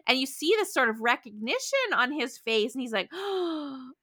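A woman co-hosting a podcast, recapping a film in animated casual chat and acting out the characters' lines. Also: sits high, brisk. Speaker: podcast co-host.

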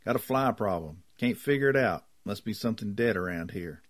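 A man voicing a gruff, terse older male neighbor who talks in clipped, muttered phrases. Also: fairly low pitch, animated, a little fast, dry recording, clean studio sound, lightly acted. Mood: gloomy. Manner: clipped, curt, mumbling.

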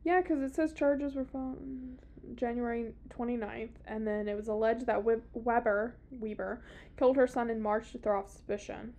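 A woman's voice: on the high side, normal speed, darkish tone, a little hiss or hum. A woman with a Southern US accent co-hosting a podcast, telling a story casually in a blunt, sweary, sardonic way. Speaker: podcast co-host telling a true-crime story.

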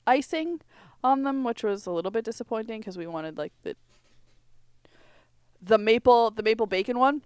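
A woman's voice: a little high, expressive, moderate pace, long pauses, a little mellow, clean tone, no echo. A woman co-hosting a casual podcast, telling anecdotes in an emphatic, conversational way. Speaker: podcast co-host. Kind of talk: casual chat, personal anecdotes.

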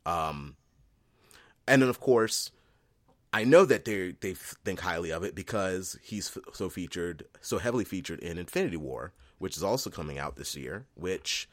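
A man hosting a casual podcast chat, excitable and quick to laugh, with lots of ums. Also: deep voice, no echo, studio quality. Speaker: podcast host.

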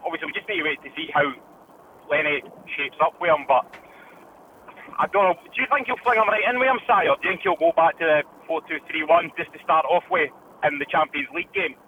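A Scottish caller comes through a tinny phone line with a faint hiss behind him. He talks fast and his voice sits a bit high for a man. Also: animated. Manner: opinionated, says "do you know what I mean". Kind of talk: casual phone-in chat.

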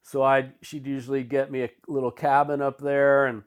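A man's voice: medium pitch, little pitch movement, normal speed, clear, resonant tone. A middle-aged man, a podcast guest, telling rambling, laid-back stories with fillers and the odd swear word. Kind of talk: casual storytelling.

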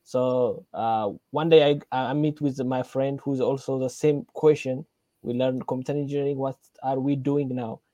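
A young man from Ethiopia, a guest in an interview, telling his story hesitantly with many pauses. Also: mid-range voice, steady tone, mellow, dry recording, lo-fi sound. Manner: hesitant, many fillers and restarts. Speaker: fellowship guest, computer engineering lecturer. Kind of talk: casual interview talk.

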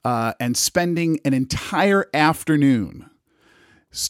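A man hosting a podcast in a casual, rambling and halting way as he introduces an interview. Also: fairly high pitch, no room sound, clean studio sound. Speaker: podcast host.

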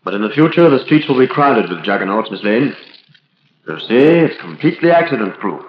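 An idealistic inventor , played by a man speaks with fervent conviction in old radio drama style. His intonation is lively, and the recording is echoey and muffled. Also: mid-range voice, brisk, a little hiss or hum, natural voice. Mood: earnest pride. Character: fervent, idealistic male inventor, stubbornly visionary.

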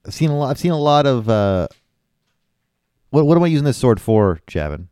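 A man's voice: medium pitch, big pitch swings, fairly quick, mellow, smooth, no room sound, clean studio sound. A man co-hosting a podcast in casual chat, rambling and hesitant with many fillers. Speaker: podcast co-host.

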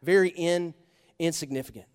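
A male pastor preaching a sermon in a conversational style, asking the congregation questions and punching key words with sudden loud emphasis. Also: on the high side, normal speed, smooth, in a large hall.

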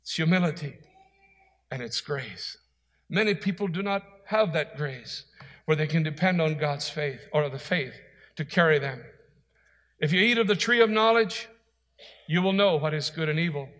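A man's voice: a little high, moderate pace, pauses often, a bit bright, long reverb tail. A man preaching a sermon as pastor, with an earnest, emphatic delivery.

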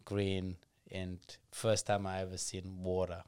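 A man telling his life story as a podcast guest in a soft-spoken, unhurried way. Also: sits low, completely flat delivery, smooth. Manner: soft-spoken, unhurried, acts out his younger self in quotes. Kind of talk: casual storytelling.

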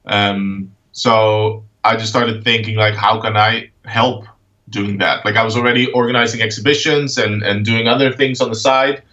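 Bright-toned Dutch man, halting speech. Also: lowish voice, fairly even intonation, far from the mic, lo-fi sound. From Netherlands. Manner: halting, many fillers and restarts. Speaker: guest, art project founder. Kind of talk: casual interview.

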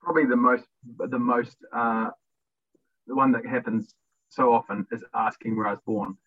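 A man's voice: medium pitch, steady tone, normal speed. A young man from New Zealand with a New Zealand accent, a podcast guest talking thoughtfully and carefully in a casual interview. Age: young adult. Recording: dry, tinny phone-like line.

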